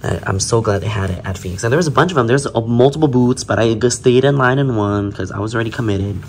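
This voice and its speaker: A man's voice: mid-range voice, quick pace, slight background noise. A tired man chatting casually in a vlog wrap-up, rambling and restarting his sentences. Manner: chatty, complaining, stumbles and restarts. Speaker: vlogger.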